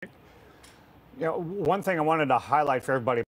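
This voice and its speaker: A man hosting live weather coverage and interviewing, speaking in halting, hesitant phrases. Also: fairly high pitch, expressive, low-quality recording. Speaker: weather broadcast host.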